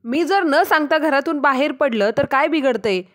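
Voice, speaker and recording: A woman's voice: high-pitched, moderate pace, fairly bright tone, pitched above the performer's own voice. A woman reading the lines of a stubborn, teasing young wife answering back to her husband. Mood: defiant. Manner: teasing, defiant retorts.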